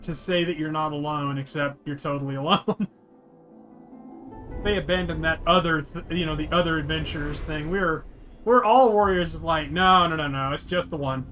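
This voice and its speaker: Over music, a man with a fairly high voice hosts a descriptive let's play for blind players, describing the scenes as he goes. His commentary is casual, sarcastic and sweary, at a moderate pace.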